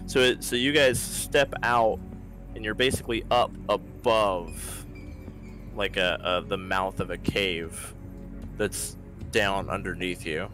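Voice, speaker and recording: Low-voiced man running a tabletop game. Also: slow pace, a bit bright, soft background music. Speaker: game master.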